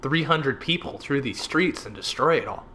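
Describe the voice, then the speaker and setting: Bright lively young guy, slow unhurried talk, jokey gameplay chat. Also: medium pitch. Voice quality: giggly, joking, laughs often. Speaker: streamer playing a game.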